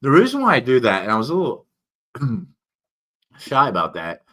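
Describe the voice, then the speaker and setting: A man reviewing books in a casual, halting way, his articulation slurred and tongue-forward as if his tongue were swollen. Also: mid-range voice, wildly swooping pitch, fairly bright tone. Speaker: book reviewer and vlogger. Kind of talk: casual spoken book review, partly read aloud.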